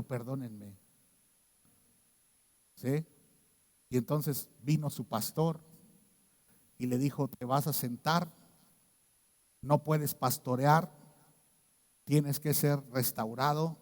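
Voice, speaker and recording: A man preaching a sermon as pastor, telling a story and swinging from hushed to loud, emphatic moments. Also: medium pitch, fairly even intonation, slow pace, pauses often, big-room sound. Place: church.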